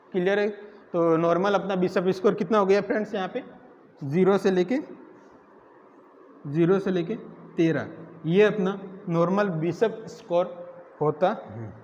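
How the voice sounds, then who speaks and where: High-voiced teacher, echoey room. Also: male voice, darkish tone. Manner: repeats questions to students and answers them himself. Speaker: nursing exam teacher. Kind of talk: classroom lecture. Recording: echoey room, dull lo-fi sound, faint noise.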